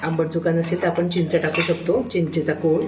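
Low-voiced woman narrating a recipe. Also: a little fast, roomy sound, over music. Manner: calm, homely, repeats 'chhan' and 'mast'. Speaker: cooking channel host. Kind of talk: step-by-step cooking narration.

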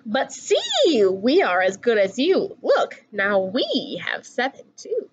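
Young female storybook reader, singsong and expressive, slow pacing, big pitch swings, slightly lo-fi recording. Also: slightly rough. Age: young adult. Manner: animated, singsong rhyming delivery. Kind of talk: expressive picture book read-aloud.

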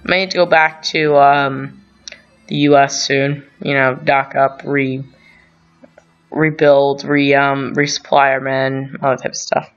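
A man talks through a strategy game, rambling and thinking aloud with frequent self-corrections. His voice sits at a middling pitch. The recording sounds dull and lo-fi, with faint music underneath. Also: flat delivery, slow, a bit bright. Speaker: gaming channel host.

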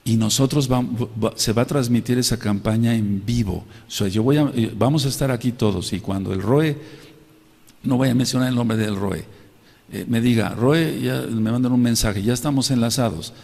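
A man preaching a sermon as pastor, shifting between loud outbursts and quiet storytelling. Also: mid-range voice, normal speed, vocal fry, slightly rough, in a large hall. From Mexico.

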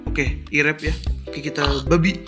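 Brief: young male gaming YouTuber, high-pitched, chatty and excitable, loud game music behind him. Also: moderate pace. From Indonesia. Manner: excitable, chatty, frequent exclamations and giggles. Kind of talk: casual gameplay commentary. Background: game music and sound effects.

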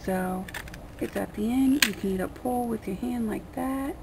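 A creaky-voiced woman with a fairly high pitch gives a casual, unscripted tutorial at a moderate pace, rambling in colloquial and slightly crude fashion. She's a vlogger demonstrating at a table in a small, dim room. Her camera mic points at her hands, and the homemade recording is noisy.

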